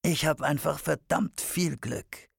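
A man doing a high, booming, gleeful old con man. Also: takes it slowly, gravelly, breathy edge, no echo, studio quality, exaggerated voice. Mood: smug. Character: sly old male con man, grinning and boisterous. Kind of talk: audiobook character voice.

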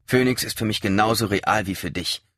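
A man's voice: lowish voice, fairly quick, fairly bright tone, no room sound, clean studio sound, pitched above the performer's own voice. A man voicing a bearded young former college student who whispers and pushes back irritably. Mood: hushed tense.

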